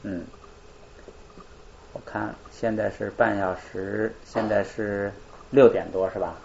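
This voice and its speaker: A man's voice: fairly low pitch, little pitch movement, takes it slowly, gravelly, a little mellow, dull audio, slight background noise. A male teacher explaining grammar in a live class, asking questions and answering them himself.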